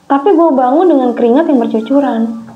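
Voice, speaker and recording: A woman's voice: sits high, a little fast. A woman emotionally retelling a frightening experience in casual slang. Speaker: guest telling her experience. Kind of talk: casual storytelling. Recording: dull lo-fi sound with faint music.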